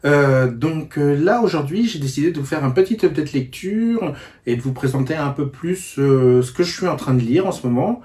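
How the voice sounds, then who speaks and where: A man's voice: on the high side, expressive, normal speed, a little mellow. A man giving a casual book-review vlog, talking hesitantly with lots of fillers and restarts. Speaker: book vlogger.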